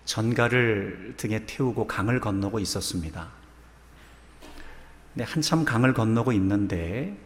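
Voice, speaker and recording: A male pastor preaching a sermon and telling a story slowly and deliberately. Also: fairly low pitch. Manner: slow, measured storytelling. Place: church sanctuary. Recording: long church reverb.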